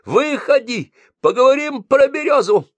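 Shrill screaming peasant woman, frantic, very high, dry close sound. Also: expressive, measured pace, dry recording. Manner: screaming, hysterical. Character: furious shrieking village woman defending her birch.

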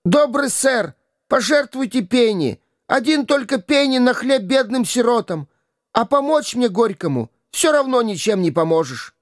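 A man's voice: extremely high pitch, lively intonation, a little slow, no room sound, clean studio sound, pitched above the performer's own voice. A man voicing a cunning, mocking vagabond boy in a storybook reading, jeering and wheedling. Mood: whining plea. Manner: wheedling, jeering, pleading when begging.

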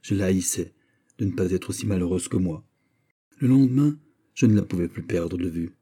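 A man's voice: low-pitched, normal speed, dark tone, breathy edge. A man reading as a jealous, lovesick young nobleman. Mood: feverish. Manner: impassioned, pleading.

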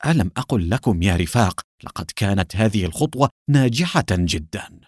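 A man's voice: lowish voice, expressive, brisk, darkish tone, dry recording, clean studio sound. A man reading an audiobook, voicing a confident young woman agent in his own voice. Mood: serious.

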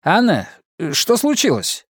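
A sly newspaper editor, as a male narrator puts him on in an audiobook. He talks in a teasing way with playful mock surprise, his pitch raised and lively. The recording is close and dry. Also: takes it slowly, slightly rough, dry recording, full character voice.

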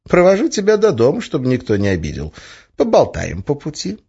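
A man's voice: medium pitch, wildly swooping pitch, a little fast, vocal fry, dark tone, husky, voice pushed up, full character voice. A man voicing a playful, sly young witch woman in an audiobook, teasing and coaxing in a lilting tone. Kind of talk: audiobook character voice. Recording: slightly muffled lo-fi recording.

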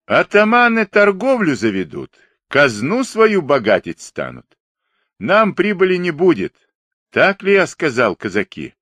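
A man voicing a defiant Cossack centurion who shouts hoarsely and mockingly. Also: fairly high pitch, wildly swooping pitch, measured pace, no room sound, pitched above the performer's own voice, exaggerated voice. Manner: mocking, scornful.

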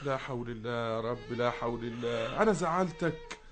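A man's voice: medium pitch, a little fast, noisy background, lightly acted. A man playing a pleading, devoted follower. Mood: coaxing. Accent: Egyptian Arabic. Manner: pleading, coaxing. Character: devoted, worried younger male follower. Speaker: Awad, a follower of the sheikh. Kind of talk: 1960s Egyptian radio drama acting.

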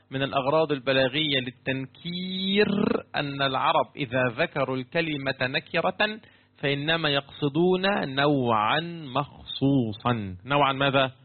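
A man teaching a lesson on Quran commentary, constantly quizzing his students with repeated questions and half-finished sentences for them to complete. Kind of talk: interactive classroom lesson. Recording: tinny phone-like low-fidelity sound.

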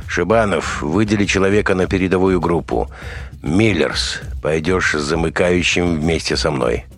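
A man voicing a harsh army colonel who barks orders and shouts during an interrogation. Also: low voice, moderate pace, no echo, faint music behind. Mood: commanding. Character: harsh male army colonel, violent and commanding.

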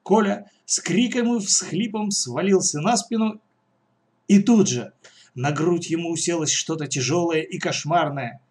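A man's voice: fairly high pitch, unhurried, darkish tone. A man narrating a children's story.

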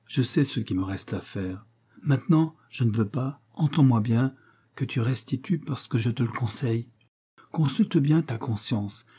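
A man's voice: mid-range voice, dark tone, slightly rough. A man reading aloud the tender, moralizing letter of an earnest young wife.

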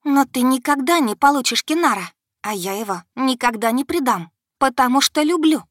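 Defiant young girl, high and loud, a woman reading. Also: moderate pace, dry recording, clean studio sound, close to an everyday voice. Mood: defiant shouting. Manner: defiant, shouting. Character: young human girl in love, defiant and bold.

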